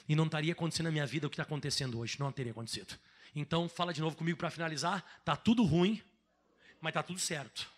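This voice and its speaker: A Brazilian man preaching a sermon with a Brazilian Portuguese accent, swinging between shouted emphasis and quiet passages. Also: fairly high pitch. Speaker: pastor.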